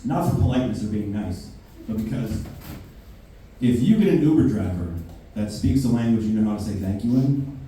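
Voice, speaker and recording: A man with a lowish, dark voice and lively intonation rants brashly and profanely at a moderate pace during a stand-up set before a live audience in a basement club. The mic sits far off in the very echoey room, and there's a faint hiss.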